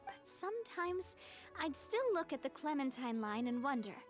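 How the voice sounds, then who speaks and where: In game audio with faint music, an actress gives a high, sing-song performance at normal speed. She plays a confident young woman who inherited leadership of her late father's organization, talking frankly and with ease in a cutscene.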